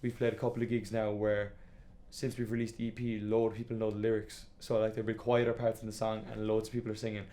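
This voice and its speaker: A man's voice: fairly low pitch, level tone, fast talker, hardly any pauses, noisy background. A man in his twenties with an Irish accent, the band's singer, telling his story in a casual interview full of fillers like "kinda" and "like.". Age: 20s. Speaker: band singer and guitarist.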